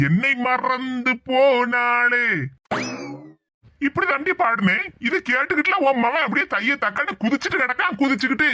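A performer voicing a stubborn, teasing middle-aged father in an animated comedy, with a Tirunelveli Tamil accent and a mocking, argumentative manner. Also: high-pitched, no room sound, studio quality, exaggerated voice. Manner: mocking, sings in a drawn-out way, argumentative. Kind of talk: animated comedy sketch voice acting.

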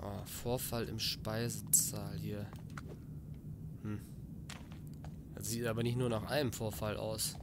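A man's voice: lowish voice, little pitch movement, slow, long pauses, background noise. A man giving casual let's play commentary, talking to himself, getting jumpy and swearing, sometimes reading in-game notes aloud.

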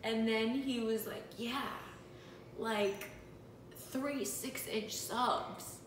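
A woman in her thirties tells a casual, comic story at an unhurried pace. She talks haltingly, leaning on fillers and dramatic emphasis. She is recorded at some distance in an echoey room with clear background noise. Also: fairly high pitch, fairly even intonation. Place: indoors, open kitchen and hallway at home. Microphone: phone camera a few meters away. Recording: roomy, distant mic, noisy.

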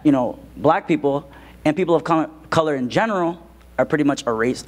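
A man explains a topic to a hall of students. His delivery is steady and plain, with frequent fillers between points. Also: medium pitch. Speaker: co-presenter. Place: school auditorium.

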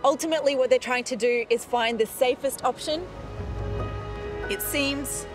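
Woman science presenter, thirties, higher voice, friendly and clear, lapel mic, music underneath. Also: moderate pace, poor audio. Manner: upbeat, friendly, clear explanations. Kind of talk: documentary presenting and interviewing. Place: outdoors by a beach and inside a parked bus. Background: background music.

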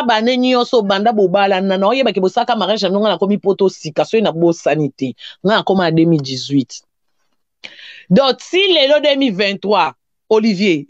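A woman's voice: on the high side, no room sound. A woman commentator who lectures and scolds in a casual online talk. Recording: dull muffled recording.

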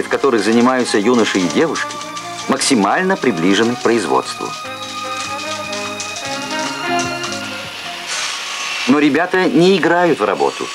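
A male narrator from an old Soviet newsreel. He reads formally and at a measured step, with lively intonation. Music plays clearly behind his voice on the archive soundtrack. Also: medium pitch.

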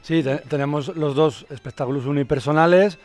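Middle-aged Spanish man, slightly high voice. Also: moderate pace, a little mellow. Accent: Spain. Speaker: stage performer. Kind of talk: casual interview. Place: theatre stage. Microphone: handheld close mic.

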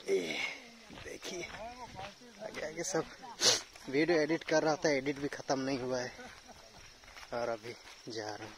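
A young man narrating a casual vlog to his viewers while walking through a dark forest at night, chatting slowly and laughing now and then. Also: medium pitch, background noise. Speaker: vlogger. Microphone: handheld phone camera.

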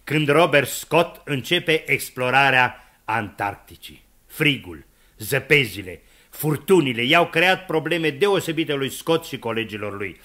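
A man telling a comic radio monologue in a theatrical way, acting out shouts, wind and wolf howls. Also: mid-range voice, expressive. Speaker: comic narrator.

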